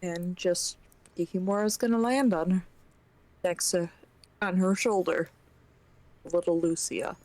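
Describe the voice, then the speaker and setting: A woman's voice: lowish voice, steady tone, unhurried, long pauses, darkish tone, no echo. A woman talking casually as a player in a tabletop role-playing game.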